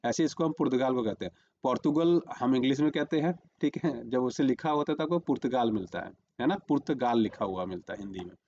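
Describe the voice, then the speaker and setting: A man's voice: mid-range voice, lively intonation, quick pace, vocal fry, few pauses, darkish tone, highs cut off, a little hiss or hum. A man teaching a current-affairs lesson for exam prep, repeating "remember" and "okay" while marking a map on screen.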